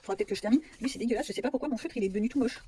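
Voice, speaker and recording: Brief: fast-talking woman vlogger, slightly high voice, chatty and self-deprecating. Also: mellow, a little hiss or hum. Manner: chatty, self-mocking, rambling with fillers. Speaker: coloring hobby vlogger. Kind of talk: casual talk showing her books.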